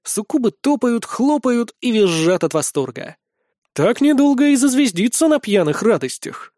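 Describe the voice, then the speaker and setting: A man narrates a first-person fantasy audiobook in a high, lively voice that rises and falls expressively. He reads close to the mic, and the recording is dry, with no room sound. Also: moderate pace, no echo.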